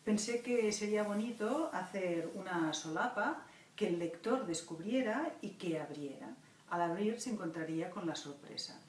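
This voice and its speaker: Woman, book author, reflective interview, halting with fillers, far from the mic, echoey room. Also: mid-range voice, expressive. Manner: thoughtful, halting, frequent "ah" fillers. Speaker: children's book author and illustrator. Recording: roomy distant mic with faint noise.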